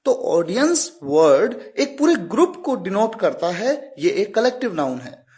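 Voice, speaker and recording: A man's voice: high voice, big pitch swings, measured pace, a little mellow. A man teaching English grammar to learners, patiently explaining each word step by step with examples and questions to the listener.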